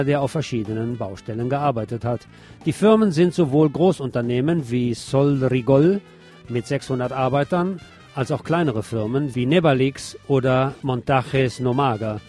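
Over a music bed, a male radio host reads scripted commentary with emphatic, indignant delivery. His voice is mid-range with a darkish tone.

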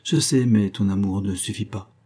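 A man voicing a resigned, self-loathing man in an audiobook, in a flat, defeated tone. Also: lowish voice, moderate pace, close to an everyday voice. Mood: weary.

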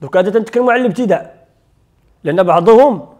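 A man's voice: high-pitched, expressive, fast talker, darkish tone. A man with a Moroccan Arabic accent teaching Quran recitation rules. He explains step by step, puts questions to his students and recites short examples.

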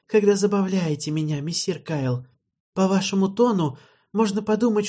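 A man voicing a witty, defiant young princess with a raised, ironic, husky voice. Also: warm tone. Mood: mocking. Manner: arch, ironic, raised pitch.

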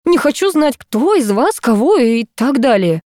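A woman reading an audiobook, voicing a furious, scornful young woman who lashes out in raised, sharp outbursts. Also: high-pitched, big pitch swings, measured pace, dry recording, studio quality, voice pushed up.

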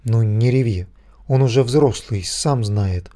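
Tired gruff husband, narrator's own low voice, curt and dark. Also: male voice, measured pace, close to an everyday voice. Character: weary grim husband, curt and guarded.

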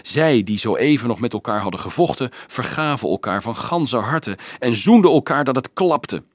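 A man reading a children's novel aloud in a lively, expressive storytelling manner. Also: mid-range voice, normal speed, dry recording, studio quality. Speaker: audiobook reader.

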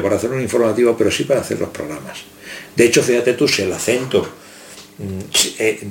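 A man's voice: medium pitch, roomy sound. A man, a journalist, answering a street interview in a thoughtful way, sometimes restarting his sentences.

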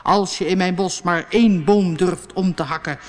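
A woman voicing a booming, furious troll. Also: moderate pace, long reverb tail, faint music behind, close to an everyday voice. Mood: angry. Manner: shouting threats. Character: angry one-eyed male troll, huge and menacing.

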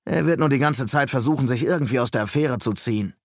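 A man's voice: mid-range voice, quick pace, no room sound, studio quality, voice pushed up, lightly acted. A man voicing a brash, mocking male police detective in an audiobook, with a scornful, needling manner. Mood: contemptuous.

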